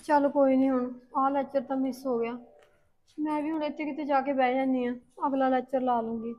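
A woman's voice: high voice, steady tone, fairly quick, dull audio, natural voice. A young woman in a short film playing a worried, earnest college student. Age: young adult.

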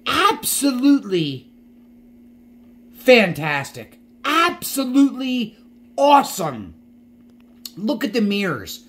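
A man hosting a casual diecast car showcase, excitedly repeating his praise and jumping higher in pitch when thrilled. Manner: excited, repeats phrases, gushing. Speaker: diecast collector vlogger.

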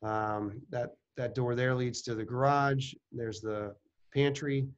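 A man's voice: mid-range voice, steady tone, takes it slowly, lo-fi sound. A middle-aged man casually narrating a virtual house tour as a real estate agent, with many ums and restarts.

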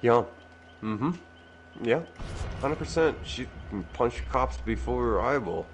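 A man's voice: mid-range voice, slow pace, a little hiss or hum. A man streaming a game with friends, crude and teasing, laughing as he chases other players. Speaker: streamer playing the killer. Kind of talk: casual gaming chat.

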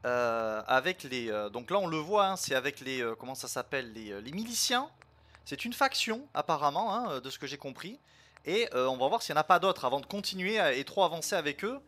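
A man's voice: fairly high pitch, big pitch swings, a little fast, bright, forceful tone. A man streaming a video game, chatting casually and thinking aloud with lots of fillers and playful jokey asides. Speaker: let's play streamer. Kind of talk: casual gameplay commentary.

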